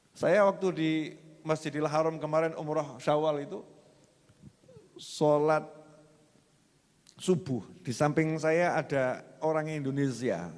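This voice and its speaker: Man with a Javanese accent for a sermon; animated, moves between soft and loud, echoing in a big hall. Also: fairly high pitch. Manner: animated, swings from soft to loud, acts out quotes. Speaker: preacher.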